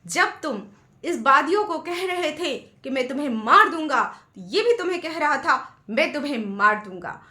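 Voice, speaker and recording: A woman voicing a patient village father who explains things gently in a soft, calm voice. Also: sits high, moderate pace, roomy sound. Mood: gently wise.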